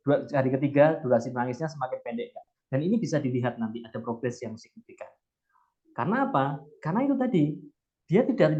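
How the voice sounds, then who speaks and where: A man's voice: a little high, darkish tone, dull audio. A man giving an explanatory talk to parents in a webinar, asking rhetorical questions and often restarting his sentences. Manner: addresses listeners directly, frequent restarts and rhetorical questions.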